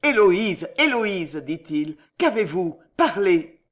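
A reader voicing an anguished male prosecutor who cries out high and loud in panic and murmurs low when stunned, in a storybook reading. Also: very animated, slow pace. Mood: frantic.

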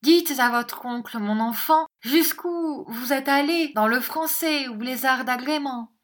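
A woman's voice: sits high, measured pace, voice pushed up. A woman voicing a weary widowed mother who speaks in a faint, pleading voice, in an audiobook reading.

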